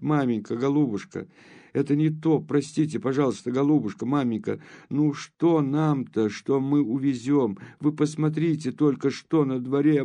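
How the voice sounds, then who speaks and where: A man's voice: on the high side, warm tone, voice pushed up. A man reading an audiobook voices a passionate, indignant young noblewoman who pleads and cries out. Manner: pleading, crying out.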